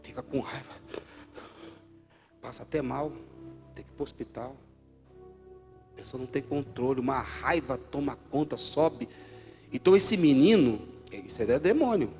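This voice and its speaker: A man with a Brazilian Portuguese accent preaching an Easter Sunday sermon in a church, swinging between loud emphatic bursts and low quiet asides. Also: lively intonation, moderate pace, pauses often. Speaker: pastor. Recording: live church audio with faint music.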